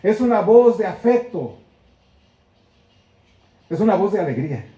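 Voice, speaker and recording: A man's voice: high voice, big pitch swings, measured pace, highs cut off. A man with a Mexican accent preaching a sermon in a church, earnest and full of rhetorical questions, acting out heartfelt prayers. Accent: Mexican Spanish. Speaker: pastor. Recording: echoey church room.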